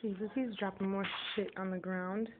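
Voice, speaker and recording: A woman's voice: medium pitch, fairly even intonation, moderate pace, narrow, tinny audio, a crowd in the background. A woman chatting with her pet parrot, coaxing and teasing it in a sing-song way and swearing casually, recorded on a phone. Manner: coaxing, sing-song repeated goodbyes to a bird. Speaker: pet owner.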